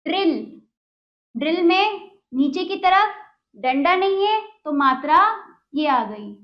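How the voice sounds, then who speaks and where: A woman's voice: very high voice, expressive, slow, lo-fi sound. A woman teacher giving a spelling lesson to young children, explaining patiently step by step with repeated examples.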